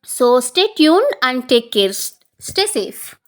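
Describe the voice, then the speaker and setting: High-pitched South Indian woman giving advice. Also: big pitch swings, slow pace. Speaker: career advice video creator. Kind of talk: instructional monologue to viewers.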